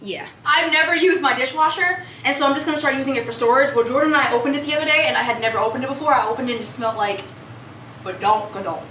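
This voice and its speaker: High bright-voiced chatty woman vlogger. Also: very fast, hardly any pauses, recorded from a distance, a little hiss or hum. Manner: chatty, animated, laughs often. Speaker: lifestyle vlogger. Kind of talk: casual home vlog. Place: indoors in her apartment. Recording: roomy echo, away from the mic.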